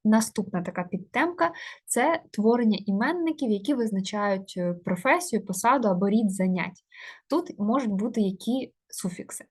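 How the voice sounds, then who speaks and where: A woman teaching a grammar lesson, working through test answers step by step, with many filler sounds and quick self-corrections. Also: medium pitch, a little mellow.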